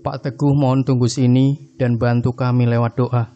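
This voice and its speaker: A calm religious cleric, read by a man in a spoken horror story. He gives instructions in a level, mellow voice. Soft music sits under the reading. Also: mid-range voice, highs cut off, natural voice. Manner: measured and instructive. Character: calm male Islamic boarding school cleric.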